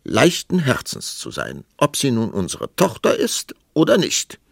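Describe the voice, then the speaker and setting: A man's voice: medium pitch, huge pitch swings, measured pace, gravelly, no room sound, clean studio sound, voice pushed up, exaggerated voice. A man voicing a quarrelsome, pompous king who snarls and blusters, raising his voice for an audiobook. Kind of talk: audiobook character voice.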